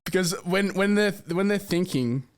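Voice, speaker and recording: A man's voice: high-pitched, normal speed. A man talking in a casual podcast conversation as a guest. He laughs often, swears casually and talks with many fillers and restarts. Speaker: podcast guest, business owner.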